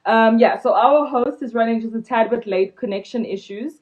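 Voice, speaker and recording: A woman's voice: a little high, normal speed, darkish tone, dull audio. A young woman from South Africa founding a blog, talking casually on a phone live stream with many ums and restarts. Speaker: blog founder hosting an Instagram live launch.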